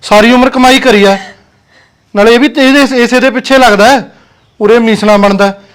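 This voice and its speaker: A man's voice: extremely high pitch, fairly even intonation, moderate pace, a bit bright, smooth. An actor playing a stern older father in a village, firm and scolding with his son and daughter-in-law.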